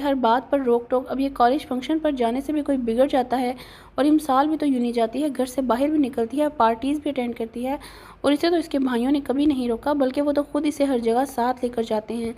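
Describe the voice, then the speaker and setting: A woman with a high, warm voice reads a romantic novel aloud. She handles the narration and voices every character's lines, shifting her delivery lightly for each.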